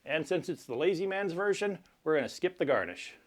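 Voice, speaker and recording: A man hosting a cocktail tutorial, explaining each step in a measured, instructional way. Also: a little high, animated. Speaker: cocktail channel host. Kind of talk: cocktail recipe tutorial presentation.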